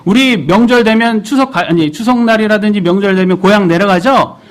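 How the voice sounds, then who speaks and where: In church, a man in his thirties delivers an animated sermon, putting questions to the congregation throughout. He speaks briskly in a voice that sits high.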